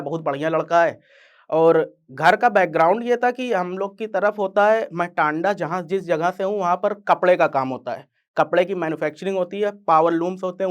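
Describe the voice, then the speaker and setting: High-voiced Purvanchali young man telling his story. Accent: Purvanchal Hindi, close to Bihari. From Purvanchal, Uttar Pradesh, India. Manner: casual, chatty, addresses listeners as yaar. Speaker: content creator and guest speaker. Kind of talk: storytelling talk.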